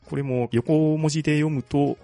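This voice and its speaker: A man co-hosting a podcast, explaining a topic calmly and methodically. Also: a little high, unhurried, vocal fry, no echo, faint music behind. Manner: explains at length, calm and methodical. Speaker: podcast co-host presenting a local hero. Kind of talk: casual chat.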